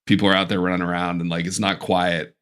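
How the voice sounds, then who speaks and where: A man co-hosting a casual podcast, rambling with restarts as he pitches a comedy idea. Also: little pitch movement, fast, a bit bright. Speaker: podcast co-host. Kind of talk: casual chat.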